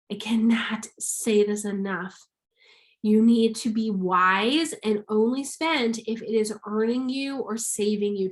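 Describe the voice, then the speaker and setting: A woman's voice: fairly high pitch, a bit bright. Emphatic woman coaching with repeated checks. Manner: emphatic, repeats "okay?", acts out sample messages. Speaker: network marketing coach. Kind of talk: casual motivational talk to camera.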